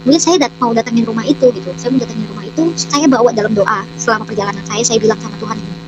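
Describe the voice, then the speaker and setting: A woman's voice: fairly high pitch, fairly even intonation, rapid-fire, loud music behind the voice. A woman telling her personal testimony as an interview guest, hesitant with many fillers, acting out her own prayers. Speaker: guest giving a conversion testimony. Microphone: microphone she can move away from. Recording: noisy line with mains hum.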